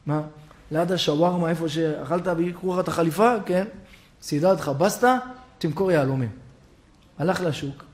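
A man with a high voice leads a religious lesson as a storyteller. He acts out the characters in his tale and builds toward shouted climaxes, then drops back to quiet. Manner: animated storyteller acting out characters, rising to shouts. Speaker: rabbi giving a Torah lesson. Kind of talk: storytelling sermon.

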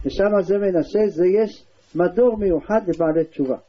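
High-voiced male Torah teacher storytelling. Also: background noise. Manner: storytelling, animated retelling. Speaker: religious teacher. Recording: slightly dull lo-fi recording.

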